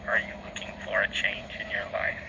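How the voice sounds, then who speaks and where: Male paranormal investigator, lowish voice, soft spaced-out questions to unseen spirits, clear background noise. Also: monotone, a little fast, lo-fi sound. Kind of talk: questioning spirits aloud in a recording session. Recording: clearly noisy amateur field recording.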